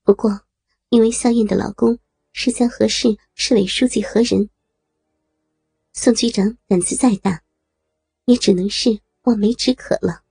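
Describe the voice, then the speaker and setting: A woman narrating an audio story with a steady, measured reading. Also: fairly high pitch, vocal fry, husky, no room sound. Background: faint music.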